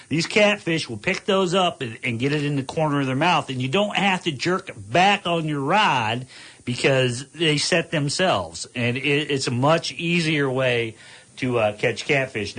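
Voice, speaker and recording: A man hosting a radio fishing call-in show, chatty and quick to laugh. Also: fairly high pitch, a bit bright.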